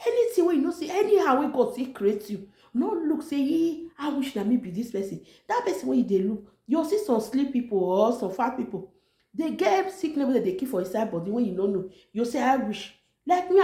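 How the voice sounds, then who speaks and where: An online motivational vlogger with a high-pitched, sing-song voice and dark tone talks fast in Nigerian Pidgin, her Nigerian accent clear. Her informal motivational talk is emphatic, repetitive, and exhorting, and it was recorded in an echoey room.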